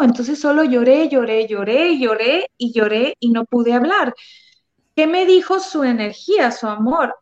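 On a dull, lo-fi recording, a woman whose voice sits on the high side with a mellow touch talks about love and tears. The spiritual conversation is earnest and emotional, sprinkled with lots of fillers.

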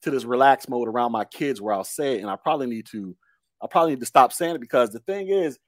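A man in his forties hosting a casual podcast chat, telling stories in a relaxed way, laughing easily and repeating words as he thinks. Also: medium pitch, fast talker, dry recording. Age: 40s.

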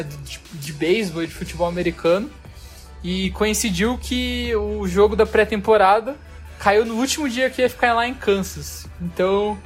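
A man with a Brazilian Portuguese accent telling a travel story in casual chat, loose and slangy, full of fillers. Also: high voice.

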